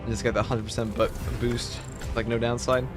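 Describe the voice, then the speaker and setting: A man's voice: medium pitch, fairly quick. A man casually chatting through a game livestream, answering chat questions in a loose, rambling way with lots of "like" fillers, with game music playing behind him. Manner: relaxed, rambling, many "like" fillers. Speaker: game streamer. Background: game music and sound effects.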